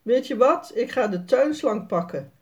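A good-natured father from a children's storybook, as the narrator puts him on. He calls out loudly and grumbles in jest, with a wide, animated swing in the voice. The delivery stays slow and clear. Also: mid-range voice, pitched above the performer's own voice, close to an everyday voice. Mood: calling.

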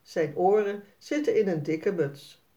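A woman reading a children's picture book aloud, slowly, clearly and expressively. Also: mid-range voice, mellow, lo-fi sound. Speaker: storyteller.

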